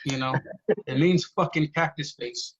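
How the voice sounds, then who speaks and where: A man appearing as a poet guest on a casual podcast tells family stories earnestly, swearing freely and saying "you know" often. His voice is fairly high and moderately paced, with the highs cut off and crowd noise in the background.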